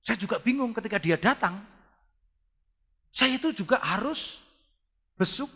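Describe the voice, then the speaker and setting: A middle-aged man preaches, his voice bright and forceful and pitched a little high. He speaks straight to the congregation, jumping from quiet asides to loud bursts. His voice rings through a reverberant church hall. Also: measured pace, slightly rough. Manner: animated preaching with big swings in loudness, often addressing the congregation. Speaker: pastor. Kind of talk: sermon.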